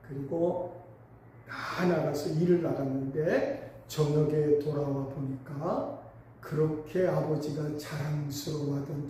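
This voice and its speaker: Pastor preaching in an echoey hall. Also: male voice, a little high, dark tone, slight background noise. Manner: storytelling, emphatic swells. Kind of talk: sermon. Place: church sanctuary. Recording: echoey church hall, mic at a distance.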